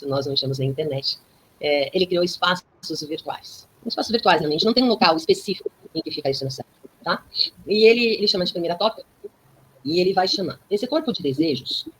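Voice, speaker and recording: Her voice sits on the low side and sounds a bit bright as she guests on a talk program, laying out ideas like a teacher, drawing on everyday examples and often adding tag questions. There's a little hiss or hum in the rough recording.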